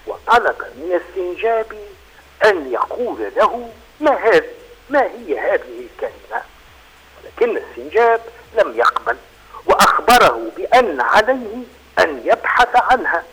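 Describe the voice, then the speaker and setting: A man on children's radio, narrating a story in an expressive, animated way. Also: sits high, slightly rough, rough recording.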